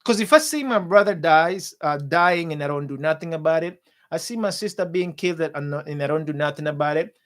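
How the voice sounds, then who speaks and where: Fired-up man with a high voice. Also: fairly quick. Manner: forceful, repetitive, addresses viewers as guys. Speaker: talk show host. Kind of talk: impassioned political commentary. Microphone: studio mic.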